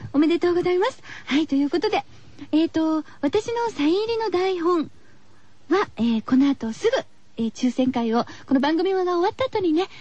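A woman hosts a radio show from the studio, chatting casually with listeners in a cutesy, girlish way. Her voice is high and warm. The recording is slightly dull and lo-fi.

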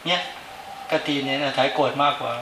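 A man's voice: mid-range voice, a little fast, creaky, sharp tone, slight background noise. A male Buddhist monk giving an informal dharma talk, speaking conversationally and often asking the listeners to agree with him. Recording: roomy echo with faint ambience.

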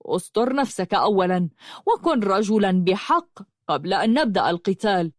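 A woman's voice: medium pitch, lively intonation, moderate pace, no room sound, studio quality, lightly acted. A woman narrator voicing a brave young male writer who answers his foe with firm, confident defiance, in an audiobook. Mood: defiant.

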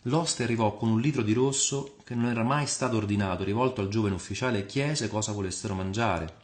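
Calm male radio story narrator. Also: lowish voice, fairly quick.

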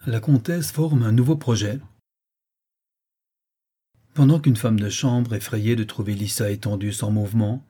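Brief: male audiobook narrator, mellow and breathy, measured delivery. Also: lowish voice. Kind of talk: audiobook reading of a novel.

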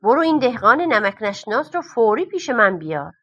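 A woman's voice: on the high side, big pitch swings, a bit bright, breathy edge, lo-fi sound, full character voice. A woman voicing a hot-tempered king in a storybook reading, giving stern commands.

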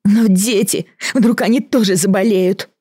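Reader doing a teary forty-year-old woman, begging, pitched way up, husky. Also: unhurried, dark tone, no echo, clean studio sound, close to an everyday voice. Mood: pleading. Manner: pleading, voice pitched up high. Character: tearful woman of forty, pleading and anxious. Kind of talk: audiobook reading.

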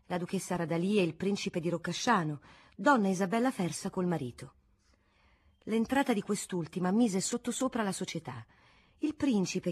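A woman reading a classic novel aloud as an audiobook narrator, in a measured, expressive way. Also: mid-range voice, husky.

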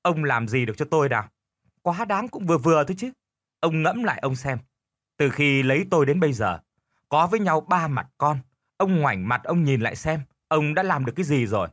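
A man voicing a sharp-tongued, thrifty older village wife who scolds her lazy husband with sarcasm. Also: fairly high pitch, lively intonation, fairly quick, no echo, studio quality, voice pushed up. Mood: sarcastic scolding.

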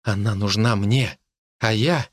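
A man narrating a first-person audiobook in a steady, earnest storytelling manner. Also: on the low side, takes it slowly, dry recording, studio quality.

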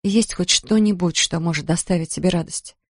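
A woman's voice: on the low side, steady tone, normal speed, no echo, clean studio sound. A reader voicing a tired, anxious mother, a doctor, who pleads with her son. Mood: pleading weary.

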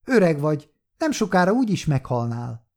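A man's voice: fairly high pitch, very animated, a little mellow. A man reading an audiobook who voices a young, defiant, scheming nephew that stammers when cornered. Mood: defiant, boastful.

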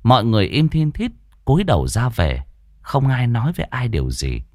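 A man's voice: medium pitch, wildly swooping pitch, fairly quick, no room sound, clean studio sound. A man narrating a ghost story in a dramatic, suspenseful way.

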